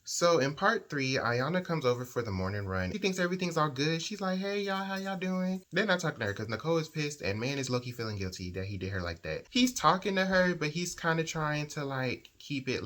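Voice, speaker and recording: A man's voice: mid-range voice, a bit bright. Chatty man recapping a novel. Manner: chatty, opinionated storytelling. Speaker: book reviewer. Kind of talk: casual book recap.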